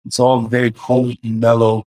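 Here the forties-aged filmmaker who makes car videos answers interview questions through his webcam, indoors at home, his Iranian-Swedish accent clear. His warm, medium-pitched voice stays monotone at a moderate pace, stumbling hesitantly with many fillers. No room sound is audible.

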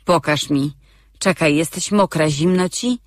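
A woman reading the lines of a gentle, caring young male warrior in a storybook, calm and reassuring. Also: sits low, a little slow, dry recording, studio quality.

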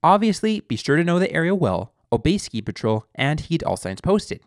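A Canadian man reads a scripted ski review as a voice-over. His pitch moves a lot and stays animated. The recording is dry and close, with no room sound. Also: normal speed, dry recording. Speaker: guest co-presenter.

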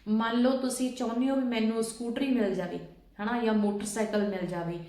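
A woman's voice: on the high side, steady tone, fairly quick, warm tone, reverberant. A woman vlogger patiently explaining steps and often checking that listeners follow. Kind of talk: casual instructional talk.

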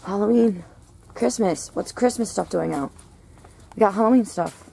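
A woman's voice: medium pitch, moderate pace, creaky, warm tone. A teenage girl who is sick, chatting playfully and quirkily with her friend while shopping, on a handheld camera in a store. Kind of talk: casual chat while shopping. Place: indoors in a store. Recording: noisy store ambience.

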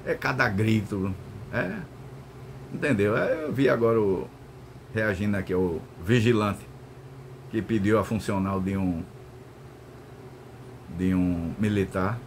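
A man's voice: takes it slowly, creaky, pauses often, slight background noise. An older man explaining the law in a casual, emphatic way. He repeats himself and keeps checking that the listener follows. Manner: emphatic, repetitive, keeps asking "entendeu?" and saying "meu irmão"; lively swings in pitch, mock-stern asides. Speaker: law lecturer answering viewer questions.

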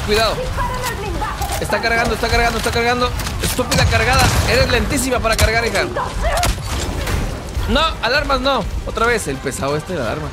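A high-pitched man narrates his own gameplay in a loose, chatty way. He gets excited fast, yelling at enemies and grumbling at the game. Game music plays steadily behind him. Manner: excitable, shouts and curses at the game. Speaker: gaming channel host. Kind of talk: casual gameplay commentary. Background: game music and gunfire.

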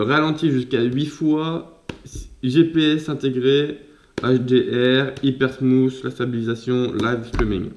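A man's voice: medium pitch, darkish tone, highs cut off. A man casually talking through an unboxing for his own vlog, chatty and laughing at himself. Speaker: vlogger. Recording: roomy echo.

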